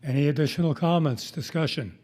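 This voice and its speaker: A man moderating a town meeting in a relaxed, procedural manner. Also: a little high, a little fast, big-room sound. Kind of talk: chairing a public meeting.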